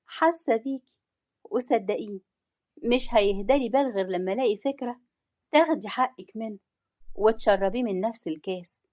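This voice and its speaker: A woman's voice: fairly high pitch, brisk, long pauses, a little mellow, no echo, clean studio sound, lightly acted. A woman with an Egyptian accent voicing a scheming female coworker who coaxes and insists with confidence. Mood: sympathetic.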